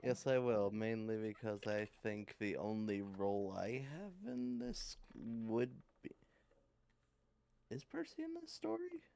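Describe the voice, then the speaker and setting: A man's voice: lowish voice, big pitch swings, unhurried, gravelly, dark tone. A man set to narrate a group reading, joking and swearing when interrupted. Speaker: reader and narrator. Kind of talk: casual chat before reading.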